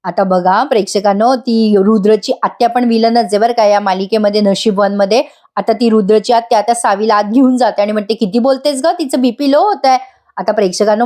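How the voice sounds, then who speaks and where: A woman's voice: mid-range voice, darkish tone. A woman narrating a voice-over review of a TV serial, chatty and addressing viewers directly.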